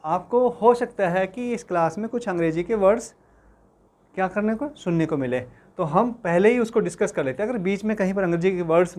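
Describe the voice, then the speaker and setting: High-voiced friendly Hindi physics teacher. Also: male voice, a little mellow. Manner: friendly, addresses students as beta, asks for confirmation often. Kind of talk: Hindi physics lecture to students.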